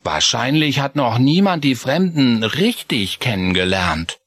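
A man's voice: medium pitch, measured pace, slightly rough, dry recording, pitched above the performer's own voice, heavily acted. Chris, an eager little boy mouse, voiced by a man. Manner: excited, chatty.

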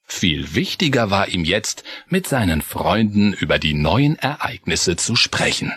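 A man's voice: low-pitched, big pitch swings, measured pace, a bit bright, husky, dry recording, studio quality. A man narrating a children's story, talking playfully and directly to his young listeners.

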